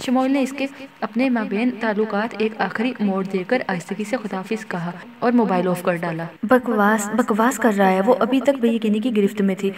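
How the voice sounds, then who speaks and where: A woman narrating an audio novel in a measured dramatic reading. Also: medium pitch, crowd noise.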